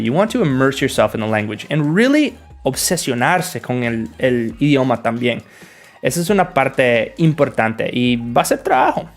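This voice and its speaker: A young American man from the northern US runs a casual livestream Q&A, teaching English in an easygoing, friendly way. His voice sits at an ordinary middle pitch, and faint music plays under his talk. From northern United States. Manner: relaxed, greets viewers by name, explains with examples. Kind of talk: livestream Q&A, bilingual.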